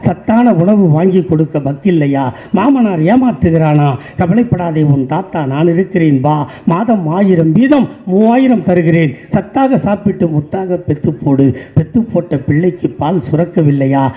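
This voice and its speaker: A man's voice: sits high, expressive, moderate pace, hardly any pauses, lo-fi sound. Sarcastic man on stage. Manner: rhythmic sarcastic refrains, rising to shouts. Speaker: political party speaker. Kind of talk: political stage speech.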